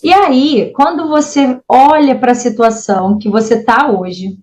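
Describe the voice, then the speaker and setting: A woman psychologist answering interview questions in a measured, advising way, often checking that the listener follows. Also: sits high, a little mellow, rough recording. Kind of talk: explanatory interview talk.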